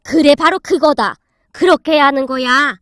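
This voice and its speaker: A woman voicing a stern, bossy old grandmother who drawls commands in a rough tongue, read as a storybook. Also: high-pitched, moderate pace, a bit bright, dry recording, clean studio sound. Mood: stern coaching.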